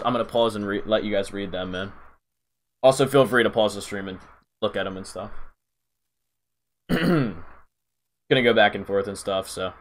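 A young man casually live-streaming a game, rambling to his chat with lots of fillers, calling out viewers' names and saying "bro". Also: fairly low pitch.

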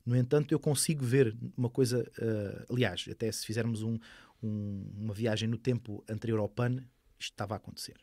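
A sport shooter in his thirties with an Alentejo Portuguese accent guests on a podcast, explaining things colloquially with examples. His voice is fairly low, mellow and fairly even, a little fast, captured dry on a close mic in a small foam-padded studio.

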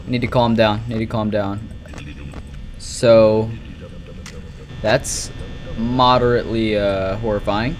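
A young adult gaming streamer speaks in a lowish, fairly flat voice, taking it slowly with long pauses over soft background music. He gives casual, rambling live commentary on a horror game, nervous and exclamatory, with some swearing.

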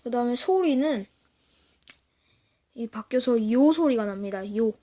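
A woman giving a casual video lesson, explaining slowly and haltingly and often clearing her throat. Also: a little high, expressive, warm tone. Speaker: language teacher. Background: noise from outside.

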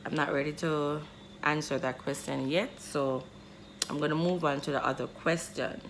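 A woman's voice: deep voice, steady tone, normal speed, a little hiss or hum. A woman in her twenties vlogging casually to her phone camera in a small bedroom, chatty and rambling, often calling her viewers "guys". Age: 20s. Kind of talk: casual vlog talking to camera. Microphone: phone camera close up.

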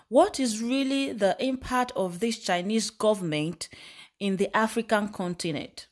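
A Nigerian woman hosting her channel, reading news and then giving impassioned commentary full of rhetorical questions and fillers. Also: mid-range voice. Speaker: channel host.

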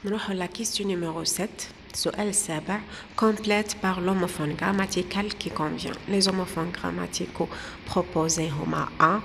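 Gravelly Algerian woman teaching, reverberant. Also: fairly low pitch, fairly even intonation, slight background noise. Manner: reads French sentences slowly, explains briskly in Algerian Arabic. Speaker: primary school teacher. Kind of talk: exam-prep lesson.

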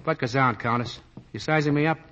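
A man's voice: mid-range voice, brisk, a bit bright, slight background noise, lightly acted. An actor playing a brash, plainspoken American man in 1940s radio acting, stammering and drawling. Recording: dull 1940s radio broadcast.

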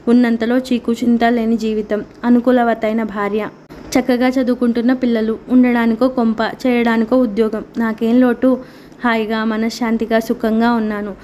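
A wry, bitter middle-aged husband in an audiobook story, voiced by a woman reader. He speaks in an even, level line with little rise and fall. His remarks come out sardonic and self-deprecating. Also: fairly high pitch, normal speed, a little hiss or hum, close to an everyday voice.

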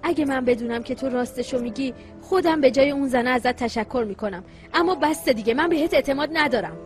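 A woman's voice: high voice, soft background music, natural voice. [name], a woman dubbing a sarcastic young wife. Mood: scornful. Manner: sharp, sarcastic, accusing. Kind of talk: Persian dub of a Turkish drama.

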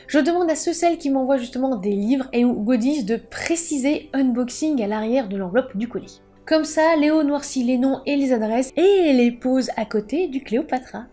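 A woman with a fairly high, warm and mellow voice presents a casual book video. She explains things in a playful manner and drops jokey asides. Faint music plays underneath. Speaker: book vlogger and author.

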